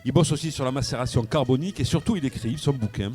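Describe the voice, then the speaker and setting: A wine columnist tells a wine anecdote on live radio from a wine shop as part of a radio wine chronicle. His mid-range voice is fast and a little mellow, full of hesitations and repeated words, with soft music in the background.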